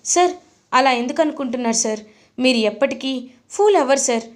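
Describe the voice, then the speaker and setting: A woman voicing a scheming young office assistant who is falsely polite and shouts at her boss. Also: sits high, animated, fairly quick.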